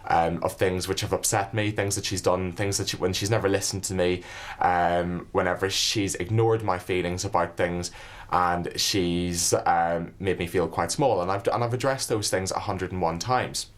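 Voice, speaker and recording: Sex: man. Style: confessional to camera. Pitch: very low. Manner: earnest and aggrieved. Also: steady tone, normal speed. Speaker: reality show contestant.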